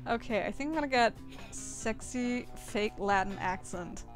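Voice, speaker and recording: A woman's voice: a little high, measured pace, over music. A woman streaming a dating game, chatting casually, swearing freely and reading game text aloud. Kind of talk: casual gameplay chat with guests.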